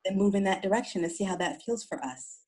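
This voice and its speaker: A woman's voice: medium pitch, expressive, fast, mellow, low-quality recording. Reflective woman, interview guest. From US East Coast. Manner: reflective, repeats words while searching. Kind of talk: conversational interview storytelling.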